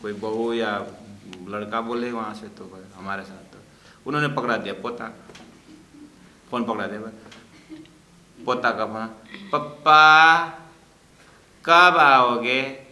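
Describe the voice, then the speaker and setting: A man's voice: on the low side, steady tone, a little slow, long pauses, sharp tone, a little hiss or hum. A man teaching a scripture class, explaining verses and acting out the dialogue in small stories. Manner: acts out dialogue in story asides. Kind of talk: Hindi scripture class with storytelling. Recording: roomy echo.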